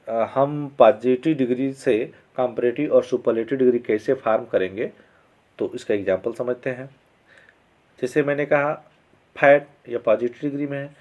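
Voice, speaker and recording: A man teaching English grammar as a lesson, explaining in Hindi. He reads the English examples slowly and often checks that his students are following. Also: medium pitch. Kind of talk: classroom-style grammar lesson. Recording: slightly dull lo-fi sound.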